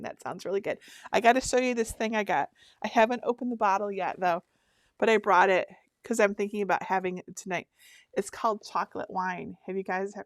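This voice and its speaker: A woman in her fifties who runs a craft workshop hosts a casual livestream, chatting with viewers and reading their comments aloud, often restarting and laughing. Her voice is medium-pitched, and the studio-quality audio has no echo.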